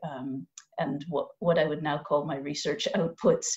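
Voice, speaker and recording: Low-voiced woman on a video call. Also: steady tone, darkish tone. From Canada. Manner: thoughtful, academic, measured. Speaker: poet and lecturer. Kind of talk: online panel talk. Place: home room with lamp. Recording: slightly dull video call audio.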